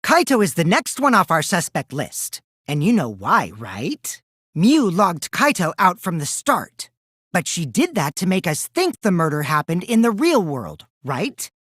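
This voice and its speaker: Kokichi Ouma, a wildly expressive boyish trickster. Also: male voice, high-pitched, measured pace, slightly rough, dry recording, clean studio sound, exaggerated voice. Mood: teasing, sly. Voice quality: boyish, youthful put-on voice. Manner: teasing, theatrical, swinging from singsong to hushed menace. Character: mischievous, childish teenage boy, a compulsive liar and schemer. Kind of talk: English video game voice acting.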